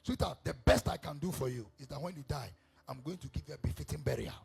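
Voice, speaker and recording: A man's voice: a little high, fast, vocal fry, darkish tone, husky, soft background music, pitched below the performer's own voice, full character voice. A man voicing a polite but evasive wife who offers her husband a grand funeral instead. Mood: placating.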